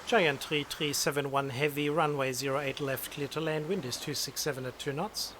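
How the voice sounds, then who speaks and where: A man's voice: on the high side, steady tone, moderate pace. A middle-aged man streaming an air traffic control game at a close mic, issuing formal commands and commenting on play. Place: indoor desk setup. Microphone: close desk microphone. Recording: loud background noise.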